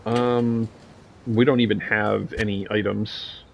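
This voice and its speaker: A man's voice: fairly low pitch, flat delivery, slow pace, creaky, a little hiss or hum. A young man casually playing a horror game, reading its text aloud and joking with slang between lines. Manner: casual, joking, says "dude" and "bro". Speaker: gameplay streamer.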